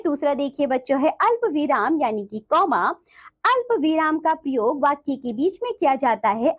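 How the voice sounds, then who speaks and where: A woman teaching a grammar lesson to children in a patient, explanatory way. She keeps calling the class "children" and stresses her example sentences to show how their meaning changes. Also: high-pitched.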